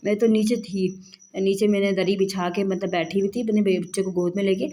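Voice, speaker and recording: A woman's voice: medium pitch, steady tone, brisk, dark tone. A woman in her thirties from Pakistan, telling a personal story in an earnest home vlog, filming on a handheld phone indoors and often stressing "believe me". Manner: earnest, emphatic retelling, often repeating "believe me". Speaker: vlogger, mother.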